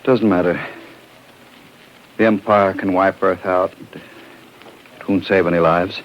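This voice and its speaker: Low-voiced, desperate radio drama scientist. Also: male voice, steady tone, takes it slowly. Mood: weary, bitter. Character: desperate, bitter male scientist pleading to save the galaxy. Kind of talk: 1950s radio drama acting. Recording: muffled, noisy old radio recording.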